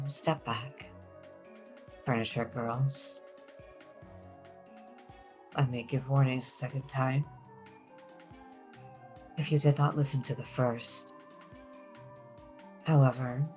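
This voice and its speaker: An amateur performer acts out an elder witch teacher, composed and stern. The speech is formal, measured and commanding, over background music. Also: medium pitch, darkish tone, close to an everyday voice. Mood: stern warning. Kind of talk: dramatic amateur voice-over of a visual novel.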